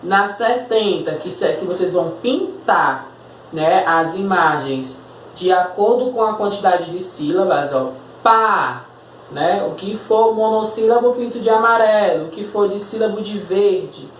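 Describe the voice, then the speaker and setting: A woman's voice: mid-range voice, animated, a little hiss or hum. Patient Brazilian woman teacher, echoey room. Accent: Brazilian Portuguese. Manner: patient, spells words out slowly, tag questions. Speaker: school teacher. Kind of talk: recorded remote class lesson. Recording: echoey room, voice a bit far from mic.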